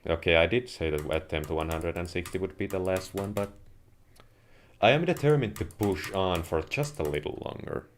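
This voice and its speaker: A low-voiced Finnish man livestreams a video game, chatting casually with viewers in measured, slightly wordy phrasing as he comments. His home stream is noisy, with keyboard and mouse clicks in the background.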